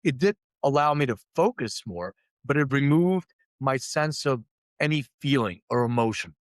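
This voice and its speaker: With lively intonation and a moderate pace, a mid-range-voiced middle-aged CEO, Lithuanian by birth and raised in Philadelphia, opens up about his life as an interview guest, joking at his own expense and performing the voices he quotes. The studio-quality recording has no echo.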